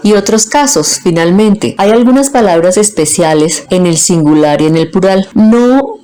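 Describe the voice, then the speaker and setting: A woman from Colombia, teaching a grammar lesson and slowly breaking words into their parts. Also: medium pitch, expressive, dark tone. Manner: slow, deliberate, splits words into their parts. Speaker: Spanish teacher.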